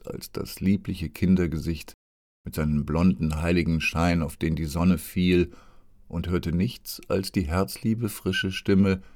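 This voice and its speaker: A man reading a storybook aloud in a calm, even narrating voice. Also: deep voice.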